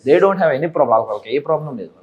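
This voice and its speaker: A man's voice: a little high, lively intonation, fast talker, a little mellow, dull audio. A young man answering interview questions casually, often slipping English words into his speech. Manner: mixes English into his talk, earnest. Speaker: interview guest.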